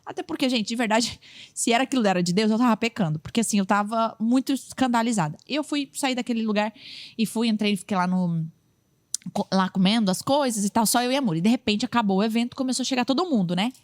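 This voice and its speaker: Young brazilian woman preacher chatting on a podcast, highish voice, acts out people in her story. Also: quick pace. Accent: Brazilian Portuguese. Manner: lively, acts out what others said. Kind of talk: casual storytelling chat.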